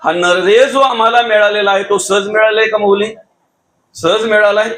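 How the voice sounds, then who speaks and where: High-voiced preacher man, emphatic. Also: steady tone, moderate pace, poor audio. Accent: Marathi, rural Thane region. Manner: emphatic, rises to near shouts, calls listeners Mauli. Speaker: kirtankar preacher. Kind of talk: devotional sermon.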